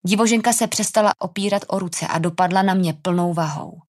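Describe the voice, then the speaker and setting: A woman narrating a first-person fantasy audiobook with a tense, dramatic delivery. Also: medium pitch.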